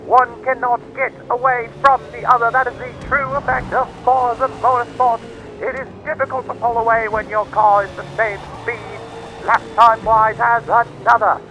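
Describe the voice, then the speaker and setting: A man's voice: very high voice, flat delivery, moderate pace, bright, forceful tone, a little hiss or hum, full character voice, poor audio. A man putting on a theatrical 1950s announcer voice for dramatic play-by-play motorsport commentary in a racing game. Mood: keen, suspenseful. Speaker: race commentator.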